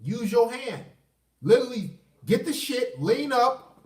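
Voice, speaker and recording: A vlogger rants casually to the camera in a blunt, crude, repetitive way, often restarting his phrases. His voice is very high-pitched and sing-song, a little mellow, at a measured pace. The room is echoey and he sits far from the mic.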